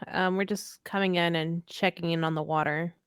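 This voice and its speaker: A woman player in a tabletop game, asking calm, direct questions in character. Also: lowish voice, normal speed, smooth, dry recording, studio quality. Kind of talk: tabletop role-play.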